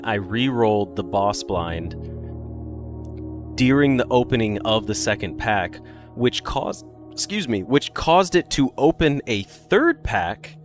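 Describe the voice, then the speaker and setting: A man from the American South with no regional accent, chatting casually and jokingly as a gaming streamer. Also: lowish voice. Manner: rambling, joking. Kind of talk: casual chat.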